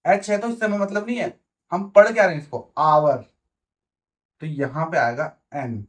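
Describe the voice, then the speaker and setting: A man's voice: high-pitched, sing-song, fairly quick. A man with a Hindi accent teaching English grammar, repeating words and checking that his students follow. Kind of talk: explaining grammar at a board.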